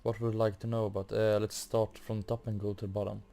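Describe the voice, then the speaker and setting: Fast-talking and mellow with some vocal fry, a man comments casually on his quest playthrough, hesitating as he thinks out loud. His pitch is fairly low and moves very little.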